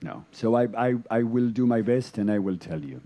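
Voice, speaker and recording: Man, yoga teacher, live lecture, expressive pitch, mellow, gentle storytelling. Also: moderate pace. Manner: animated storytelling, chuckles.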